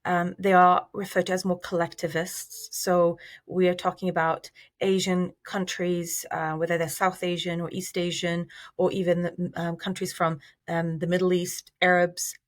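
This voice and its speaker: A middle-aged woman from Iraq, a researcher giving measured, thoughtful interview answers with fillers and restarts. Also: lowish voice, little pitch movement. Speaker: researcher guest.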